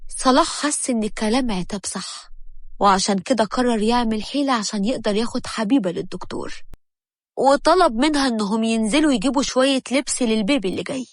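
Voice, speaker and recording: A woman narrating a scripted story in an Egyptian accent, with steady storytelling. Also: on the high side, fast talker, dry recording.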